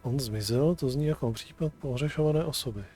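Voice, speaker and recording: A man's voice: mid-range voice, quick pace, mellow, soft background music. A man streaming a video game, reading dialogue choices aloud with casual commentary.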